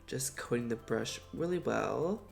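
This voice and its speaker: A man's voice: mid-range voice, animated, unhurried, vocal fry, faint music behind. A man with a stuffed-up, nasal voice, chatting in a gushing, slangy way as he reviews makeup in a vlog. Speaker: beauty vlogger.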